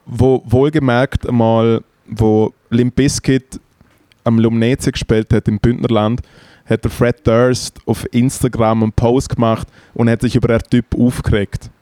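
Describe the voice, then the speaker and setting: A man's voice: mid-range voice, measured pace, dry recording, clean studio sound. A man with a Swiss German accent, casually telling crude backstage anecdotes on a podcast. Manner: profane, animated anecdotes with quoted voices. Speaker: podcast co-host, band tour manager. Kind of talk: casual banter, storytelling.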